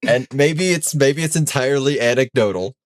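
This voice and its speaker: A man's voice: medium pitch, moderate pace, no echo, studio quality. A man co-hosting a podcast in casual chat, making crude jokes and swearing freely. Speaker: podcast co-host.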